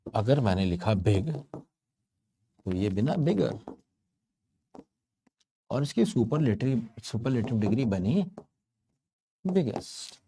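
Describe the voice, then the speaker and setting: Mellow-voiced man teaching with playful asides. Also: medium pitch, lively intonation, slow, creaky, long pauses, a little hiss or hum. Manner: chatty storytelling teacher, playful, drawing out words for emphasis. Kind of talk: explaining English grammar to learners.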